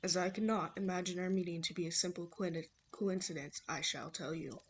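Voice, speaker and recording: A woman doing a lonely old hermit man from a fantasy game, dry and teasing underneath. He speaks in a stiff, formal manner, pitched low for an old-man impression. A faint hiss sits behind the voice. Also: fairly even intonation, a little fast, natural voice. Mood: solemn. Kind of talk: game dialogue read aloud.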